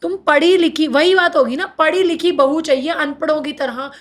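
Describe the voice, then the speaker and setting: Recounting her marriage with emotion, a woman in her thirties speaks at a moderate pace in a high voice during an interview. She switches between Hindi and English and animatedly quotes others, acting out their words.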